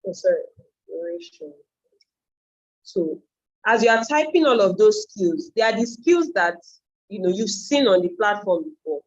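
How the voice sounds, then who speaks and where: A woman who teaches online freelancing, Nigerian-accented with Yoruba as her first language, explains a casual tutorial in steps and thinks out loud along the way. Her medium-pitched voice is expressive and measured, with frequent pauses, though the recording is muffled.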